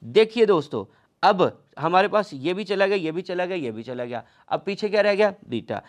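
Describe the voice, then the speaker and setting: A man teaching an exam-prep grammar lecture, often calling his students friends and reading English example sentences out slowly, word by word. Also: high-pitched, expressive.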